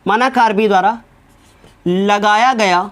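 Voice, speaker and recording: Male teacher, high voice, step-by-step physics numericals, keeps asking if students follow. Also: unhurried, fairly bright tone, smooth. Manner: fond, fatherly address to students. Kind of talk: whiteboard lesson solving numericals.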